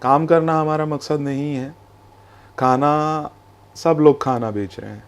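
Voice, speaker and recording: A man's voice: a little high, steady tone, a little slow, clear, resonant tone. Man explaining his food business. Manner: explanatory, storytelling, mixes English phrases into Hindi. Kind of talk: business interview.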